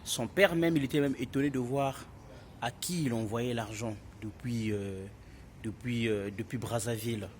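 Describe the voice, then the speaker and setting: Telling his personal story casually, a vlogger with a Congolese French accent keeps repeating himself emphatically and addresses his listeners as buddies. His voice is medium-pitched with fairly even intonation at a moderate pace. Noisy ambient sound is clearly audible behind him.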